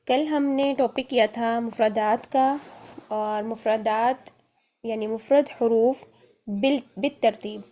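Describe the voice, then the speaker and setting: A woman's voice: a little high, a little mellow. A woman teaching a Quran reading lesson step by step, in a patient manner, repeating "theek hai" between points and drawing out each letter sound as she demonstrates it.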